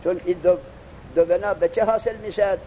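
Man teaching a lesson with a faint rumble. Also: fairly even intonation, warm tone, muffled recording. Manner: explains, asks the student questions, reads the text slowly. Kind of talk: classroom lesson.

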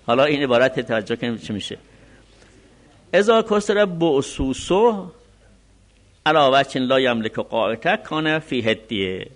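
A man teaching a religious law lesson, reading classical text slowly and then explaining it quickly. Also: medium pitch. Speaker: seminary teacher.

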